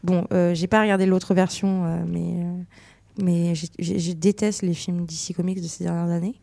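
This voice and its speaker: A woman's voice: fairly low pitch, level tone, moderate pace, gravelly, warm tone, no echo. A woman co-hosting a casual radio quiz, chatty and opinionated with lots of hesitation. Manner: chatty, many fillers and restarts, opinionated. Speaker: radio show co-host and quiz player.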